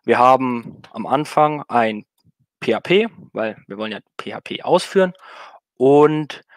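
A man's voice: mid-range voice, expressive, measured pace, no echo. A man presenting a technical talk at an online meetup, speaking loosely with fillers and self-corrections over a video call.

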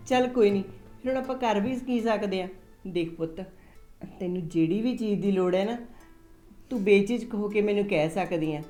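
An actress playing a caring mother-in-law who gently soothes her daughter-in-law in a village family drama. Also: mid-range voice, lightly acted.

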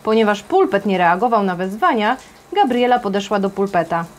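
A woman narrating a children's novel aloud in a lively, expressive storytelling manner. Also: medium pitch, fairly quick.

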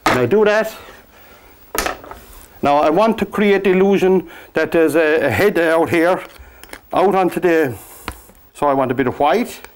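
Speaking at a measured pace with long pauses, an older Cork man in a fairly high voice leads a painting class on camera. He stands in a studio by an easel and backdrop, a lapel mic clipped on, chatting warmly and cheering his viewers on.

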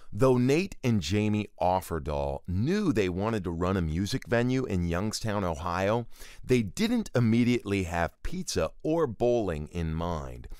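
Upbeat man hosting with lively pitch. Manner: upbeat, folksy. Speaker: host and band member. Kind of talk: TV show narration and hosting.

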